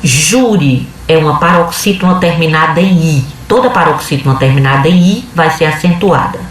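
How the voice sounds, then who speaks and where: A woman's voice: deep voice, moderate pace, slight background noise. Casting: woman teacher, patient step-by-step explainer, heard from a distance in a very echoey room. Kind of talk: video lesson.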